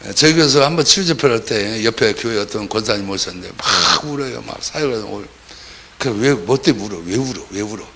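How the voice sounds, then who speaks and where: A man's voice: fairly low pitch, lively intonation, a little fast, noisy background. A man preaching a sermon as pastor, talking in a colloquial way and acting out the voices of the people he quotes.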